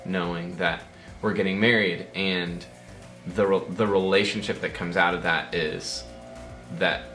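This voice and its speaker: A young man chatting casually as the host's fiancé, relaxed and joking, a little halting. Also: low-pitched, faint music behind. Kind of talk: casual chat. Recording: roomy echo.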